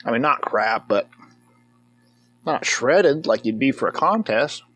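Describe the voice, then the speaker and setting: A man's voice: mid-range voice, expressive, unhurried, a bit bright, dry recording. A man giving casual, comedic commentary over a movie as a reviewer. He rambles, jokes, and breaks into whoops and cheers.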